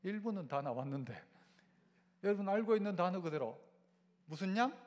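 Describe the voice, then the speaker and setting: A man's voice: high-pitched, lively intonation, moderate pace, darkish tone. A male pastor with a Gyeongsang Korean accent preaching a sermon, asking the congregation questions and having them repeat after him. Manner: call-and-response preaching, asks the congregation to repeat. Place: church sanctuary. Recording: long church hall reverb.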